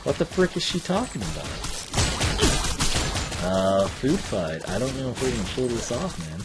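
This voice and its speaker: A man's voice: medium pitch, sing-song, normal speed, very noisy. A man giving casual, rambling live game commentary as a streamer, thinking aloud in slangy speech.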